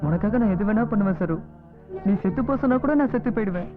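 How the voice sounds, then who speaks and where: A man voicing a lovesick high-voiced schoolboy. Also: fast, lightly acted. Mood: tender. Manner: pleading, earnest. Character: lovesick teenage schoolboy, devoted and desperate. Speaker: dubbing actor. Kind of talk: dubbed film dialogue. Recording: tinny lo-fi film audio with music score.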